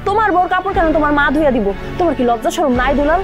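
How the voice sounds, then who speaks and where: A woman's voice: high voice, animated, rapid-fire, muffled recording. A young woman, playing an outspoken, reproachful elder sister-in-law in a TV drama. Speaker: elder son's wife. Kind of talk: TV drama acting. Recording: music under the dialogue.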